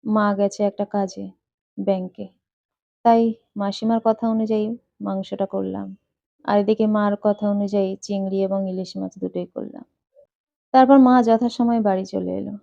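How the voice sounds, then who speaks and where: A woman telling a family story in a plain, earnest way. Her voice is mellow and close, with a dry, dull lo-fi sound. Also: mid-range voice, steady tone, moderate pace, gravelly, pauses often, dry recording. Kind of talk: personal story narration.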